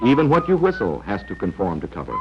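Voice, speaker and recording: 1940s training film narrator guy, instructive, really animated, old noisy soundtrack. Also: on the low side, fast talker, lo-fi sound. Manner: instructive, coaching.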